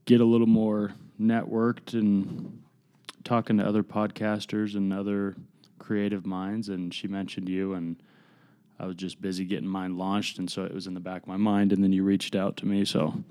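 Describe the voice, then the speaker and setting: A man's voice: deep voice, mellow, clear, resonant tone. A man speaking as a podcast guest, telling things in a casual, informal and eager conversational way.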